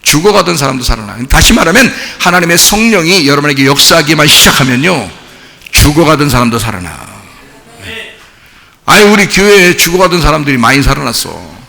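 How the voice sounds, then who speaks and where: A man's voice: on the high side, big pitch swings, fairly quick, creaky, bright, forceful tone. A man preaching a sermon as pastor, firing emphatic, repetitive questions at the congregation in call-and-response. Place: church sanctuary. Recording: long church hall reverb.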